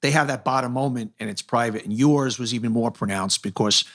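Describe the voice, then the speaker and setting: A man's voice: medium pitch, brisk, fairly bright tone, no echo, studio quality. A man hosting an interview show, chatty and affirming, who stumbles a little as he builds his questions. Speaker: podcast host. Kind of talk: conversational interview.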